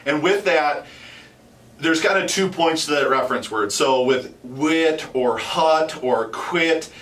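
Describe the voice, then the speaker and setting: A man's voice: a little high, slow, fairly bright tone. A man in his thirties hosting an unscripted instructional talk, explaining step by step and repeating his phrases as he goes. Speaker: host and duck calling instructor. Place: small wood-panelled shop room, indoors. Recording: roomy, distant, noisy pickup.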